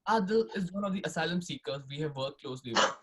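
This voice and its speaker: Guy presenter reading from script, slightly high voice. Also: expressive, fast, heavy background noise. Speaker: student presenter.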